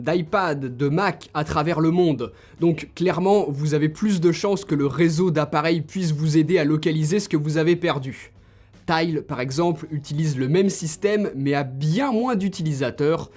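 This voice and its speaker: A man's voice: a little high, darkish tone. A young man recommending tech gifts straight to his viewers, enthusiastic and direct, talking to them informally. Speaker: tech reviewer. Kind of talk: tech gift recommendations to camera.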